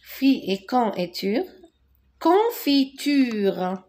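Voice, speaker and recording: A woman teaching a French lesson, spelling out words syllable by syllable and repeating them slowly. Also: medium pitch, lively intonation.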